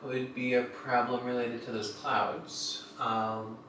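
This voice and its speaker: A man's voice: medium pitch, little pitch movement, takes it slowly, fairly bright tone. A man talking casually and a little hesitantly as he works through an observing task, thinking aloud. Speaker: astronomy observer. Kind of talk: casual vlog talk while working. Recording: echoey room with faint background noise.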